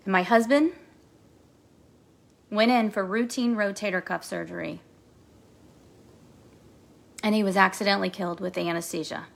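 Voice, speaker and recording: A woman's voice: mid-range voice, steady tone, normal speed, gravelly, pauses often. A woman in her forties hosting a podcast, giving an emphatic motivational monologue with lots of repetition. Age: 40s. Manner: emphatic, repetitive, emotional at times. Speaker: podcast host and coach.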